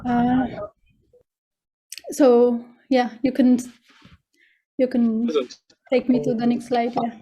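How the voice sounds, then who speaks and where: A young Ethiopian-accented woman, a scholarship student, gives an informal presentation in an online video meeting. Her highish voice is completely flat and slow, with frequent pauses, and the audio sounds dull. She's hesitant and often repeats her words.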